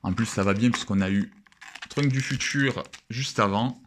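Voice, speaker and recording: A young man with a fairly low voice talks casually over a card opening. He sounds enthusiastic and chatty, pausing to admire each card as it comes out of the pack. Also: a bit bright, slight background noise.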